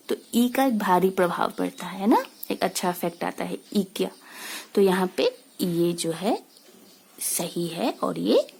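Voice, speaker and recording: A woman teacher, slowly talking young children through a school exercise and asking them easy questions along the way. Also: medium pitch, vocal fry, darkish tone, husky. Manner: slow, patient explaining with many rhetorical questions. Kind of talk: recorded lesson for young children.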